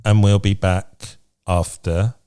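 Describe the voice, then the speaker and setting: A man's voice: low voice, flat delivery, slow pace, mellow, clear, resonant tone. A British man co-hosting a podcast, chatting casually and reading out lists in a frank, playful way. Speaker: podcast co-host. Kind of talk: casual chat, reading out from a list.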